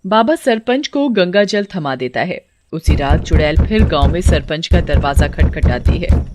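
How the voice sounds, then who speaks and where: A woman giving scripted narration of an animated horror story in a steady, dramatic manner. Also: low voice, moderate pace, noisy background.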